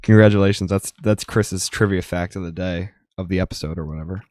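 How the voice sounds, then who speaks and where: A man's voice: low-pitched, steady tone, fairly quick, a little mellow, no echo, clean studio sound. A young man co-hosting a podcast, chatting casually and rambling with lots of ums. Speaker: podcast co-host. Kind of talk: casual chat.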